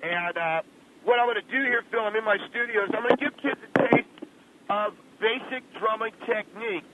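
A man's voice: sits high, a little fast. A man calling in over the telephone, a rock drummer talking casually and getting defensive, full of slang. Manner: laid-back, defensive, slangy, says "man" and "dude". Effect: heard over a telephone line. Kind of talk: casual on-air phone chat. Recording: noisy narrow phone line.

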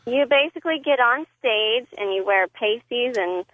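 A woman's voice: fairly high pitch, animated, normal speed. A young woman calling in to a radio show over the phone, giggly and laughing often. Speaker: caller. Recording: muffled phone line.

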